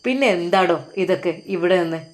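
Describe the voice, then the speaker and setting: A woman's voice: lowish voice, fairly quick, lightly acted. A woman voicing a protective, anxious father in a told story, imploring urgently.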